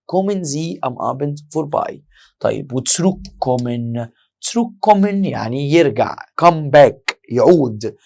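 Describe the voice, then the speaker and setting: A male language teacher speaks with an Egyptian Arabic accent and a gravelly, fry-edged voice at an ordinary pitch. He walks through each point step by step, repeats key words slowly and quizzes his class. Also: lively intonation, warm tone. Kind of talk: exam-prep lesson.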